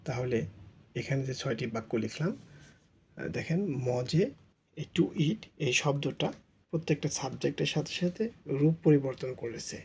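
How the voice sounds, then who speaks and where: A man's voice: medium pitch, normal speed, creaky, a little mellow, breathy edge. A Bengali-speaking man teaching French grammar, explaining it step by step with patient repetition and spelling words out letter by letter.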